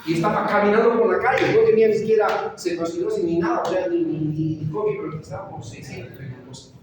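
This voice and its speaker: A woman's voice: fairly low pitch, fast, noisy background. A woman doctor lecturing medical students, mixing clinical anecdotes into the lesson and often checking in with her listeners. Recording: echoey hall recorded from far off.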